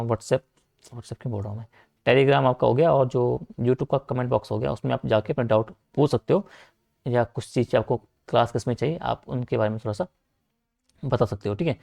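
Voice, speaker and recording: A young man teaches an exam-prep class in loose, conversational speech. His voice sits at a middle pitch with a gravelly roughness. He repeats himself and keeps checking in with the students. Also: a little mellow. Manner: repetitive, checks in with frequent "theek hai"; direct, urging students to keep writing. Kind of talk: casual online class lecture.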